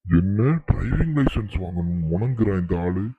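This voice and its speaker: A man's voice: sits low, lively intonation, normal speed, warm tone, breathy edge, dry recording, dull audio. Man voicing an officious traffic cop. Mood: shocked. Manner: officious, formal announcing. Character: stern traffic policeman, adult man.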